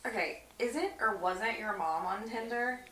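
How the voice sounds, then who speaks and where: A woman co-hosting a casual podcast, a little hoarse, talking casually with quick asides and some swearing. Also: a little high, crowd noise. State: slightly hoarse from partying. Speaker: podcast co-host.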